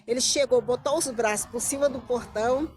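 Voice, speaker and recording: A middle-aged woman tells her own story straight to her viewers, in a fairly high voice. Her delivery is animated and full of repeats, and she acts out the lines other people said to her. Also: brisk. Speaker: vlogger telling her life story. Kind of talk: casual personal storytelling.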